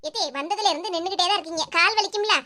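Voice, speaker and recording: A woman voicing a respectful young daughter-in-law in a cartoon, with a Kanyakumari Tamil accent and a gentle manner. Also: extremely high pitch, rapid-fire.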